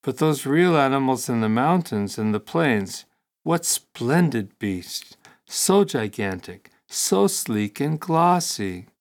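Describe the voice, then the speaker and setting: An eager, proud boy prince from a storybook speaks up with earnest excitement , voiced lightly by a man reading aloud. The voice sits a touch higher than the narration, with a lively, rising lilt. It stays a plain reading voice with a mid pitch. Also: takes it slowly. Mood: enthusiastic.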